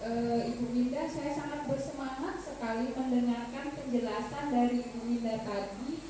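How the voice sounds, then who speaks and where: A woman's voice: on the high side, steady tone, normal speed, dark tone, far from the mic. Polite woman asking a question in an echoey room. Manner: polite and formal, thanks the speaker. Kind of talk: formal question from the audience. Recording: very echoey room, voice from afar, faint noise.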